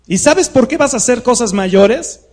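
A man's voice: very high-pitched, lively intonation, normal speed, a little mellow. A man preaching to a live congregation, talking conversationally and peppering his sermon with rhetorical questions. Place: church hall with a live congregation.

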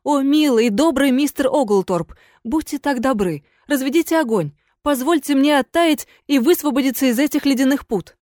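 A woman reading aloud puts on a ghostly lady of an old manor, her voice lifted high and strained. She sounds imploring and shrill, every line pushed up in pitch. The storybook read is dry and close, with no room around it. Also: expressive, normal speed, darkish tone, dry recording, lightly acted. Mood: pleading. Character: pleading ghost lady of a manor, haughty then desperate. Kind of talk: audiobook character voice.

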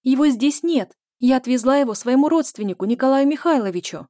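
A scared young woman holds her ground, her voice trembling and raised higher than the narration, as a woman reader plays her. It is a close, dry recording with a mellow tone. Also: fairly quick, no room sound, close to an everyday voice. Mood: insistent. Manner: trembling, pleading. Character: frightened young woman, stubborn.

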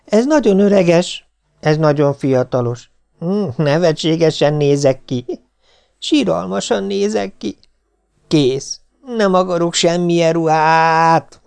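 A man's voice: a little high, gravelly, a little mellow, clean tone, pitched above the performer's own voice. A man voicing a moody, anxious sixteen-year-old girl who keeps changing her mind, in an audiobook reading. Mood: fretful. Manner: flustered, flip-flopping, sobbing.

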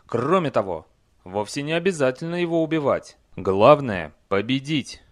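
A man's voice: mid-range voice, expressive, normal speed, lightly acted. A man voicing a stubborn, very old male barbarian in an audiobook, curt and blunt.

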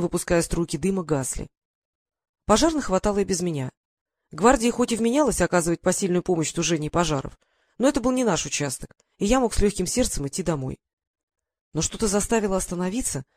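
A man reading a first-person adventure story aloud in steady storytelling style with dramatic lifts. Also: high-pitched, no room sound. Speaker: audiobook narrator. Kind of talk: scripted first-person narration.

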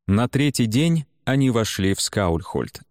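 A man with a mid-range voice narrates an audiobook in a measured, even storytelling style. The recording is studio quality with no echo.

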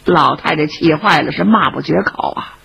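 A woman's voice: low voice, normal speed, creaky, a bit bright, muffled recording, slight background noise. A woman performing traditional storytelling, narrating in a dramatic, rhythmic way.

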